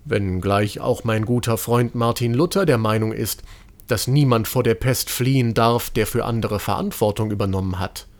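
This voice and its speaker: A man voicing an old court physician, excited and fussy, in a storybook reading. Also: lowish voice, normal speed, close to an everyday voice.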